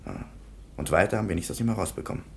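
An actor with a low, creaky, racing voice plays a perplexed, somewhat dismissive police commissioner delivering his report in a radio play. He sounds bemused while recounting, telling the story animatedly and dismissively. Slight background noise is present.

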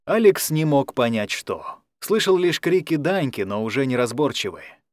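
A man narrating a science fiction story in an even, measured reading. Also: mid-range voice, no room sound. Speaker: audiobook narrator.

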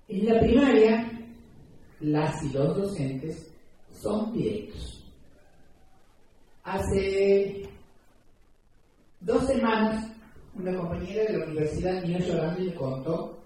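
Woman, mellow voice, emphatic speaker at a talk, miked from afar. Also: on the low side. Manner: earnest, emphatic, explains with examples and rhetorical questions. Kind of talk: public talk to an audience. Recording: echoey room, distant mic.

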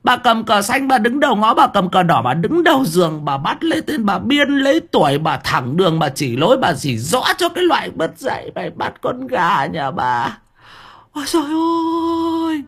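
A man voicing a shrill village wife who rains rhythmic, relentless curses on a chicken thief in an audiobook. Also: big pitch swings, normal speed, fairly bright tone, husky, exaggerated voice. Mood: cursing. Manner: rhythmic, relentless folk cursing. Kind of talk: audiobook character voice.

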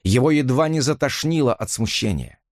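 Casting: male audiobook reader, lively expressive delivery, dry close sound. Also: mid-range voice, no echo. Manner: expressive, measured reading. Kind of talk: audiobook narration.

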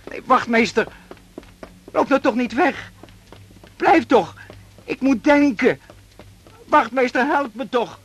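A man's voice: on the high side, expressive, fairly quick, pauses often. An actor playing an odd, rambling male convict who reasons earnestly and stammers a little, in a radio play. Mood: pleading.

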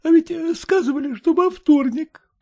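A reader doing a prim, affected young daughter. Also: female voice, high voice, normal speed, mellow, pitched above the performer's own voice. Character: pert young unmarried daughter, early twenties.

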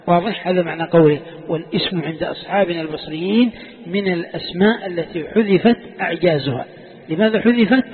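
A man's voice: sits high, slightly rough. A man teaching a classroom lesson, often quizzing his students and repeating key words. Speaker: teacher of Quranic exegesis. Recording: phone-like sound with long hall reverb.

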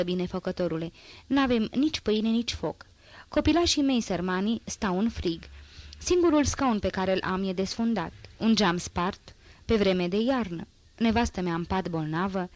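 A woman's voice: medium pitch, expressive, darkish tone, no echo, lightly acted. A woman voicing a scheming, fawning old male ex-actor who begs in a whining, theatrical way, in an audiobook reading. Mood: whining plea.

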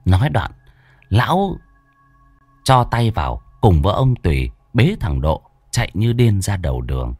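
Man, horror story narration, vivid, very lively intonation, faint music behind. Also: fairly low pitch, a little slow, breathy edge, no echo.

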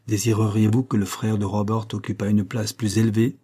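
Un homme jouant une jeune femme douce et ferme. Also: male voice, fairly low pitch, flat delivery, fairly quick, warm tone, slightly rough.

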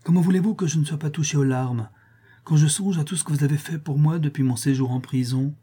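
A man voicing a gentle, melancholy young prisoner who speaks softly and hesitantly. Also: fairly high pitch, quick pace, husky. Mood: tender. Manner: soft, hesitant, grateful.

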